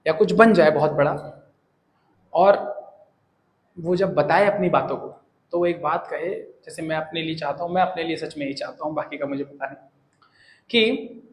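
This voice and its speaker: Earnest male teacher, echoey room. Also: a little high. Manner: earnest, animated, addresses students directly. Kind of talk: motivational talk to students.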